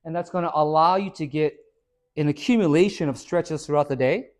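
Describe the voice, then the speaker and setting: A man who is a fitness trainer, giving an informal, energetic talk to a small audience. He quizzes the listeners and tags many points with "right?". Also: fairly high pitch, fairly quick. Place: hair and skin salon, indoors.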